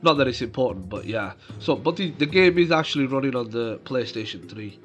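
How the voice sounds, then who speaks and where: Over background game music, a gaming YouTuber with a nasal voice and an approaching cold chats about his gameplay. His mid-range tone is animated and a bit bright, though he's slow, rambling, and heavy on fillers.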